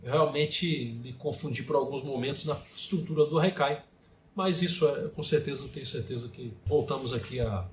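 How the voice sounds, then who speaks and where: In an online course recorded in an echoey room, a Brazilian man with a Brazilian Portuguese accent teaches creative writing and explains poetic forms. He often tags sentences with "né?" and recites his own poems with feeling. His mid-range voice moves at a moderate pace with a little hiss or hum.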